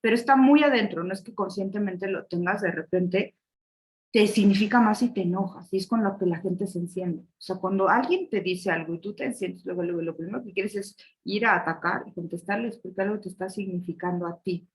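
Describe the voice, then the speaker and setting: A woman's voice: medium pitch, a little fast, slight background noise, poor audio. A woman giving a conversational online lecture on leadership, often ending points with a questioning tag and laughing. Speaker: speaker of an online leadership session.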